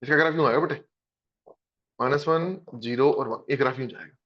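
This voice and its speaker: A man's voice: mid-range voice, a little fast. A man with an Indian accent teaching math, going over a test with students in an encouraging way. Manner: lively, encouraging, addresses students as beta. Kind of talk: discussing a test in class. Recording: dull lo-fi classroom recording.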